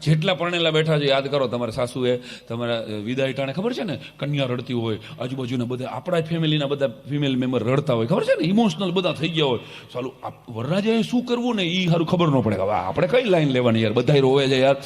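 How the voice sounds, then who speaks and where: A man telling humorous stories on stage to a wedding crowd, lively and quick to switch into character voices, recorded through a stage microphone. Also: mid-range voice. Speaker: folk comedian performing at a family wedding event. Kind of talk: humorous stage storytelling to a live audience. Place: large event hall with an audience. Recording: reverberant hall, faint music behind.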